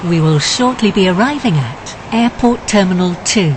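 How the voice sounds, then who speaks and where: A woman's calm, measured voice giving an automated train announcement. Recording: steady train rumble noise.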